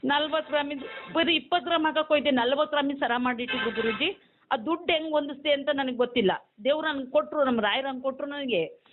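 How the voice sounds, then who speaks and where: A woman's voice: high-pitched, fast talker, noisy background. A woman, calling in to share her testimony emotionally and deferentially. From Hassan, Karnataka. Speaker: caller. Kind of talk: phone-in devotional testimony. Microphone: phone. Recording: phone line.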